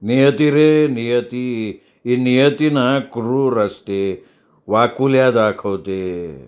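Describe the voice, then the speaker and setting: A man voicing a weary, drunk middle-aged man who slowly and bitterly philosophizes about fate. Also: mid-range voice, darkish tone, lightly acted. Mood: sorrowful.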